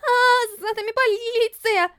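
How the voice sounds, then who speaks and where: A woman's voice: very high voice, moderate pace, pitched above the performer's own voice. A woman voicing a timid young female robot housemaid who stammers when flustered, in a storybook reading. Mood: panicky. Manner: stammers in panic.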